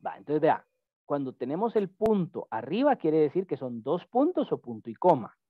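A man's voice: fairly high pitch, very animated, moderate pace, no room sound. A man teaching a Greek lesson in an online class, patient and explanatory, often checking that his student follows. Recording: tinny phone-like call audio.

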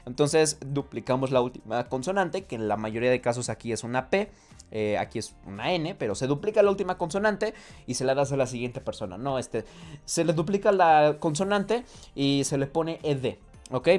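A man giving a casual online English lesson, talking straight to the viewer, often checking "¿ok?" and correcting himself as he goes. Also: fairly high pitch. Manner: thinks aloud with fillers and self-corrections. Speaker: English teacher.

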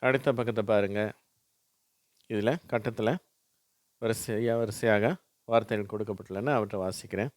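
A man's voice: lowish voice, steady tone, no room sound, clean studio sound. A man teaching English phonics, reading single words aloud for learners to repeat. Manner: slow, drilling words with a pause after each.

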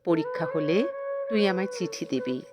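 A kindly old guru with a jovial, fatherly warmth, put on by a woman narrating. The voice runs lowish and lilting, and soft flute music plays behind it. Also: lively intonation, normal speed, close to an everyday voice. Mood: affectionate. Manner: gentle, affectionate questioning.

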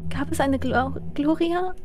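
A woman's voice: high voice, unhurried, darkish tone. A young woman streamer chatting casually through a game in a cute anime-streamer manner, with game music behind.

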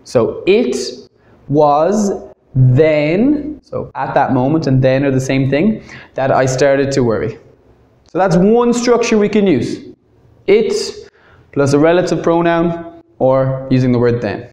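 A man's voice: fairly high pitch, lively intonation, a little slow, dark tone, roomy sound. A man with an Irish accent teaching an English grammar lesson, explaining step by step and stressing key words.

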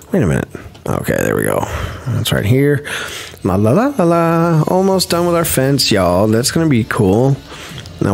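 Male gaming host, low and gravelly, animated let's-play commentary, slangy and playful. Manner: chatty, playful, slangy, hums to himself.

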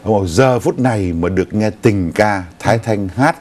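A man's voice: on the low side, normal speed, darkish tone. An older man co-hosting a news talk show in a TV studio, recounting stories unhurriedly with some fillers.

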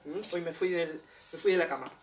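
A male folk dance teacher with a fairly high, brisk voice leads an online class, demonstrating steps while counting beats aloud and vocalizing rhythms. The camera sits back from the dancer, so the mic is distant, with faint background noise.

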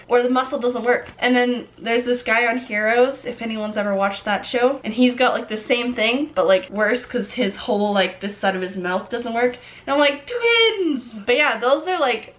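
Chatty fast-talking young woman vlogger. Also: on the high side, a bit bright. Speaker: YouTuber. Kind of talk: casual vlog chat.

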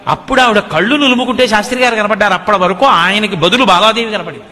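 A man's voice: high voice, fast, pushed and bright. A man telling a devotional story to listeners, speaking earnestly and addressing them directly. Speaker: religious storyteller. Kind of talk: devotional discourse. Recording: long hall reverb.

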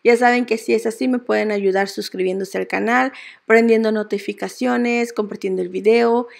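A young adult woman narrating a cleaning how-to as a vlogger, explaining each step calmly with frequent filler words. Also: a little high, normal speed, gravelly.

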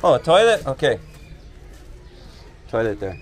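His voice sits in the mid range, swinging widely in pitch, and he takes his time. He is a middle-aged Canadian travel vlogger walking a busy village neighborhood, chatting casually with residents in brief, simple phrases, recorded outdoors on an action camera he holds or wears amid crowd and street noise.

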